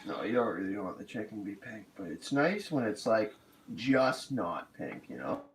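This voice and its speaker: A man's voice: on the low side, sing-song, normal speed, slight background noise, low-quality recording. A man casually hosting a cooking stream, explaining each step as he goes in an easygoing, rambling way.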